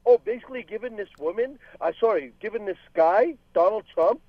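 A man's voice: high-pitched, lively intonation, brisk, no echo. A man from Lebanon calling in to a radio talk show, earnest and talking over the host. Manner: earnest, talks over the host, many restarts. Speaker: caller. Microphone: phone line. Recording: dull phone line.

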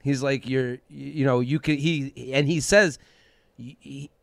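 A man talks in a rambling, self-deprecating way, stopping and restarting his thoughts. His voice sits at an ordinary pitch. The sound is dry and close. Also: fairly even intonation, a little slow, creaky, no room sound. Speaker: guest. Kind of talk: candid conversation.

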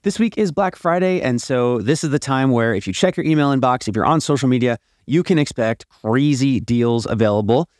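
Male podcast host, mid-pitched, promotional and emphatic, closely dry recording made in an attic. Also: animated, a little fast, few pauses, darkish tone, dry recording. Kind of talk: scripted podcast monologue promoting deals. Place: attic of a house.

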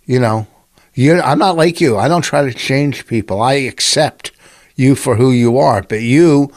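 A man's voice: medium pitch, measured pace, dry recording. A male comedian co-hosting a podcast, teasing and insistent, talking over his co-host in casual banter.

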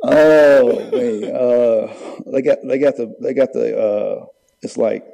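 A man in casual sports chat as a guest, halting and repeating phrases. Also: mid-range voice, steady tone, creaky, mellow, rough recording. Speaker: podcast guest.

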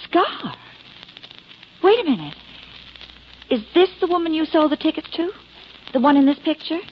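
An actress playing a sharp, wisecracking woman investigator in an old detective drama, breezy and brash. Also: high voice, lively intonation, normal speed. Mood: eager, probing. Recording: dull noisy old drama recording.

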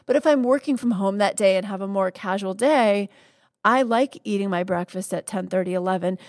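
A woman in her fifties hosts a podcast and talks through medical ideas in an articulate, brisk conversational way. Her voice is recorded close and very dry, with no room sound. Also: mid-range voice, dry recording. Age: 50s. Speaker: podcast host and physician. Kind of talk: casual conversational interview.

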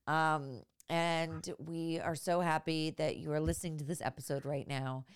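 A woman's voice: low-pitched, fairly even intonation, normal speed, smooth. A woman hosting a podcast, wrapping up the episode in an upbeat, encouraging way. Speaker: podcast host. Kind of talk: podcast outro.

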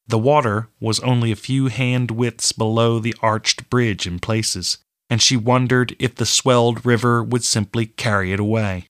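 A man narrating a fantasy audiobook in a steady, measured way. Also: mid-range voice, no room sound, studio quality.

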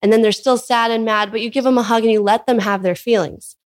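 A woman's voice: on the high side, steady tone, fast talker. A young woman from California, a mother of young children, talking earnestly in a casual interview, with lots of "like" in her speech. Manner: earnest, filler-heavy with frequent "like". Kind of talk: casual conversation.

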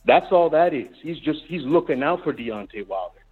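A man's voice: fairly high pitch, expressive, moderate pace, slightly rough. A man calling in to a sports talk show over a phone line, blunt and insistent as he keeps repeating his point. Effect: heard over a phone line. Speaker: radio show caller. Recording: muffled tinny phone line with faint music.

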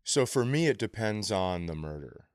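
A deep-voiced man trades casual comic banter as co-host of a comedy podcast, his pitch swinging widely. He talks in a conversational, halting way and slides into imagined snippets of dialogue. The recording is dry, with no room sound at all.

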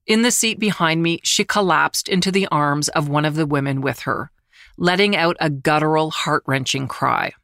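A middle-aged journalist narrating a true-crime story in a measured, somber way, slowing down on the grave details. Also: mid-range voice, gravelly, a bit bright, no echo, clean studio sound. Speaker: journalist who covered the trial, narrating.

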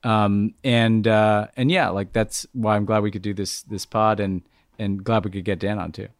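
A man hosting a podcast in casual conversation, halting and repeating words as he thinks aloud. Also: on the low side, steady tone, no echo, studio quality. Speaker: podcast host.

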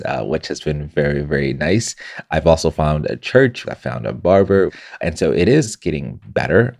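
A man with an extremely deep, low voice speaks as a podcast guest. Born in Zimbabwe, he works as a content creator and tells his own story in an earnest, reflective way. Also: gravelly, darkish tone. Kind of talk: personal storytelling in a podcast interview.

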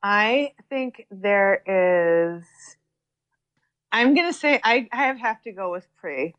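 A woman singer-songwriter chats easily with an interviewer. She laughs often and fills her sentences with casual fillers. Her voice sits at a middle pitch. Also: slow, muffled recording. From Chicago area. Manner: lively, laughs often, uses many fillers.

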